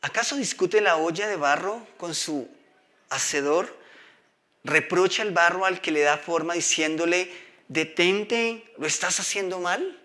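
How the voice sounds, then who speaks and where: A man preaching a sermon in a high, bright voice. He reads scripture aloud and keeps turning to the audience with questions to draw them in. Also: a little slow.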